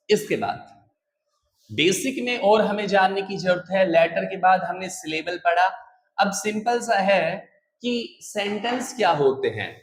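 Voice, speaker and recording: Slow-talking guy teaching a grammar class, echoey room, faint background hum. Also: high-pitched. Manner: checks in with students often; repeats words slowly. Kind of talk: grammar lesson.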